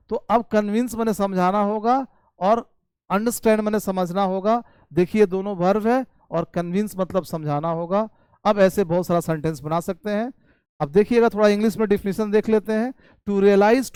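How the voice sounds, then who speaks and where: A man teaching spoken English in Hindi with an Indian English accent, reading English sentences slowly and explaining them quickly. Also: sits high, clean tone, no room sound. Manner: addresses viewers warmly as "bhai" and "babu".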